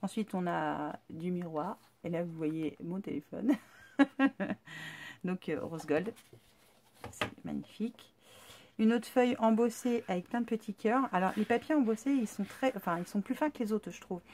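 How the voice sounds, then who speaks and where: A woman's voice: mid-range voice, measured pace, a little mellow, a little hiss or hum. A woman YouTuber chatting casually through an unboxing, chatty and enthusiastic, with many fillers. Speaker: craft YouTuber.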